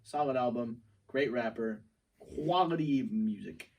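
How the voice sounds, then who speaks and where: A man's voice: medium pitch, a little slow, distant mic. A young man co-hosting a student podcast, joking in slangy casual talk. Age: young adult. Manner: joking, slangy, bursts of excitement. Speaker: co-host. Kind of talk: casual chat.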